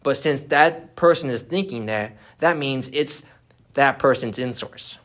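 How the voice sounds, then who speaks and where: A man as a guest in a casual discussion, calmly explaining his ideas step by step. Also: medium pitch, unhurried.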